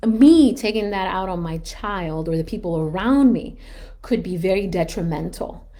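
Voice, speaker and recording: A woman's voice: medium pitch, dark tone. A woman in her thirties, a mom telling a personal story on a casual live stream, candid and self-reflective, rambling with restarts and laughing at herself.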